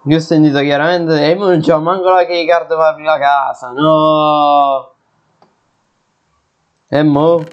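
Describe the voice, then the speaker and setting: Young man, let's play commentary, jumpy exclamations, fairly high voice, muffled lo-fi audio. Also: fairly even intonation, fairly quick, hardly any pauses. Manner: jittery, exclaiming and swearing in fright. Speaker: gaming video creator. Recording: dull lo-fi sound.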